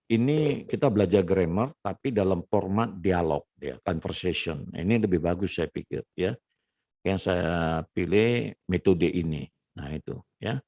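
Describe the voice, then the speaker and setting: A man with a lowish voice gives a casual language lesson. He explains patiently, checking in with little "ya" and "nah" tags. The sound is dry and close, with no room echo. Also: darkish tone. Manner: explains slowly, peppers phrases with "ya" and "nah". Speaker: French teacher.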